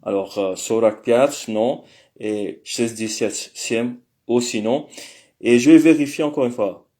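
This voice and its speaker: Man teaching, unhurried speech, hesitant, lots of fillers, thinks aloud. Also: mid-range voice, warm tone. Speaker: language teacher. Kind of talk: casual spoken lesson.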